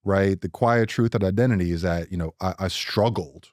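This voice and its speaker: A man's voice: low voice, moderate pace, no room sound, clean studio sound. A middle-aged man from Nigeria, co-hosting a casual podcast and telling personal stories with many restarts and playful jumps in his voice. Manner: animated storytelling, many restarts, voice jumps up when joking. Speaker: podcast co-host.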